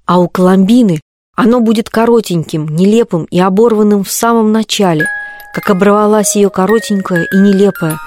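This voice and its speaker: Measured audiobook narrator, dry close sound. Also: mid-range voice, a little mellow, dry recording, faint music behind.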